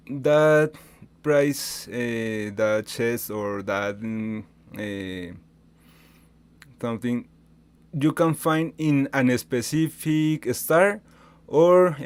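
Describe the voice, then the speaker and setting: A man speaking as an asks questions over a voice call. He talks slowly and haltingly, stopping often to search for words. His voice is smooth and clear, with medium pitch. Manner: hesitant, halting, many fillers and restarts. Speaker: interviewer asking questions. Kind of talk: casual voice-chat Q&A. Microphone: computer mic on voice call.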